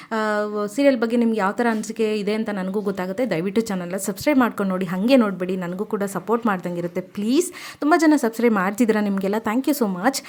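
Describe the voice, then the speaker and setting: A woman's voice: mid-range voice, a little mellow. Chatty woman recapping a TV serial. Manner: chatty, informal, pleading for subscriptions. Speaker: YouTube serial recap narrator. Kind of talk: casual episode recap.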